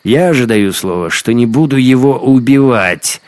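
A man's voice: lowish voice, fairly even intonation, very slow, gravelly, darkish tone, slightly rough, no room sound, heavily acted. A man voicing a frightened but defiant young girl who pleads and threatens in a storybook reading. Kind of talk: audiobook character acting.

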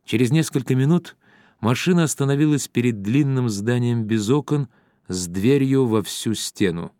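A man reading an audiobook as the narrator, in a steady, measured way. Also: medium pitch, no echo, studio quality. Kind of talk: scripted narration.

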